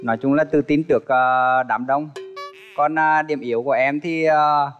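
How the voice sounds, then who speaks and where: A man's voice: medium pitch, fairly even intonation, normal speed, lo-fi sound, soft background music. A man in his twenties, from Vietnam, introducing himself politely as a dating show contestant, with many hesitant fillers. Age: 20s. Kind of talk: casual chat.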